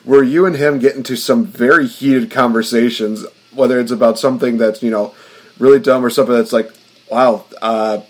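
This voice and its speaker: A man's voice: mid-range voice, fairly even intonation, a little fast. A man hosting a casual podcast, rambling through his points with lots of fillers. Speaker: podcast host.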